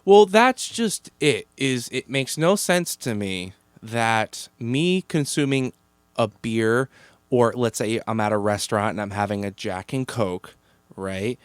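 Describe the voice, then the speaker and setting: A man's voice: medium pitch, animated, unhurried, clear, resonant tone, no room sound. A man with a Boston accent co-hosting a casual beer podcast, chatty and laughing easily. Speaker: podcast co-host.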